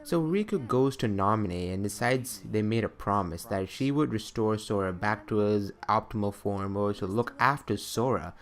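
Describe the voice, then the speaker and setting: His voice sits on the low side, moving at a moderate pace with few pauses. This young video creator counts down favourite games in loose, conversational commentary, regularly questioning himself.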